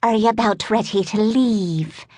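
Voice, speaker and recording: A woman voicing a squeaky, cruel male Gwyllion creature who mocks bluntly in an audiobook. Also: a little slow, darkish tone, dry recording, natural voice. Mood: impatient. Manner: mocking, blunt. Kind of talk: audiobook narration.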